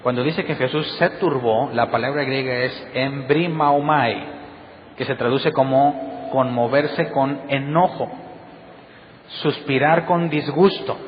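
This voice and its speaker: A man's voice: mid-range voice, takes it slowly. A man preaching a Bible study sermon, firing questions at his listeners and acting out the voices he quotes. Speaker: pastor. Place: church hall. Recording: long hall reverb, dull sound, faint noise.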